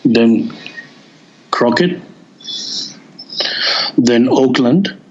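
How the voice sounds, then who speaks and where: A man guesting on an interview as a touring band member, telling stories in a halting way with many restarts and searches for words. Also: medium pitch, lo-fi sound, background noise. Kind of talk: casual interview chat.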